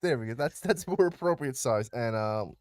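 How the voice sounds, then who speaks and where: A man's voice: medium pitch, expressive, normal speed, darkish tone, no room sound. A man running a tabletop game as game master, laughing often and stalling with repeated restarts.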